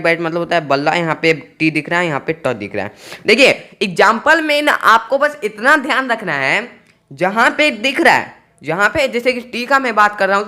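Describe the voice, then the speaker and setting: A man with a high, pushed, bright voice teaches English pronunciation to students. He spells words out letter by letter and repeats each point.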